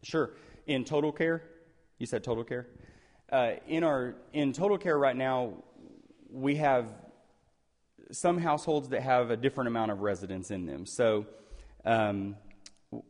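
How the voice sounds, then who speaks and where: A man's voice: medium pitch, normal speed, a little mellow. A man giving an unscripted public talk as a presenter, hesitant and often repeating his phrases. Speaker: presenter on elder care taking questions. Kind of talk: public talk, unscripted with some read-aloud passages. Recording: echoey hall, long reverb.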